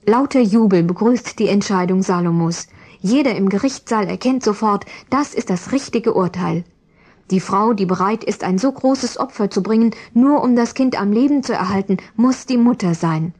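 A woman's voice: mid-range voice, moderate pace, a little mellow. Woman narrating a Bible story.

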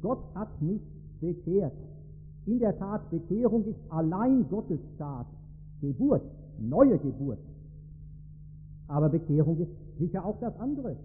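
A man's voice: high-pitched, big pitch swings, unhurried, pauses often, a little hiss or hum. A man preaching a sermon, telling stories with emphasis and rising to stress key words. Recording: tinny phone-like sound in a reverberant hall.

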